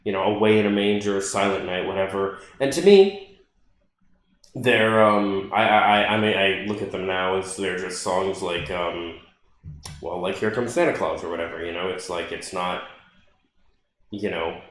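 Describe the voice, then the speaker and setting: A man's voice: low-pitched, normal speed, fairly bright tone, heavy reverb, slight background noise, rough recording. A man co-hosting a podcast in casual chat, rambling with lots of fillers and restarts, swearing now and then. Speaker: podcast co-host.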